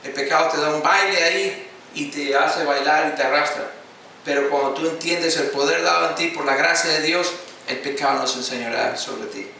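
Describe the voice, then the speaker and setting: A man preaches a sermon, pressing his points and drawing answers from the congregation. His voice is high and sharply bright. It is picked up from some distance in a very echoey church hall. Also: fairly even intonation, moderate pace, slight background noise. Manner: emphatic preaching with call-and-response. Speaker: pastor.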